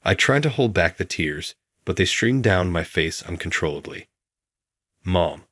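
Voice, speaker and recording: Calm deep-voiced male storyteller. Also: no echo, clean studio sound. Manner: calm, measured reading. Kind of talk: scripted narration.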